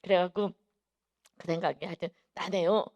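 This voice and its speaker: A man preaching an early-morning sermon as pastor, telling a story in an animated way full of emphatic fillers. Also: high voice, moderate pace, lo-fi sound.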